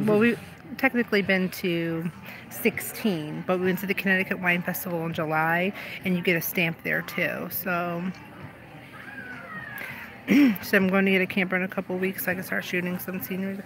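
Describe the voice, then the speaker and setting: A woman's voice: lowish voice, noisy background. A woman in her thirties, chatting casually in a live vlog and answering viewers on her phone, outdoors at a vineyard. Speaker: vlogger. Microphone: phone held at arm's length. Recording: pop music playing outdoors behind. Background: pop music.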